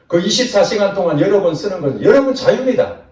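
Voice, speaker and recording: A man's voice: high-pitched, sing-song, quick pace, a little mellow. A man preaching a sermon as pastor, acting out short asides of imagined people. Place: church sanctuary. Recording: echoey church hall from far off.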